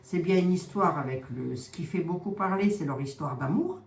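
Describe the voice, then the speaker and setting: A woman's voice: on the low side, expressive, normal speed, darkish tone. A woman giving a casual psychic card reading, musing aloud, hesitating and repeating herself as she goes. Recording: echoey room with faint ambient noise.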